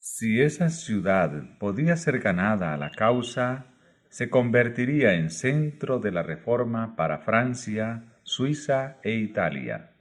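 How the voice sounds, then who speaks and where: Male audiobook reader, lowish voice, very unhurried, measured phrasing. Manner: slow, measured reading in short phrases. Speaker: audiobook narrator. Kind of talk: scripted narration of a religious book.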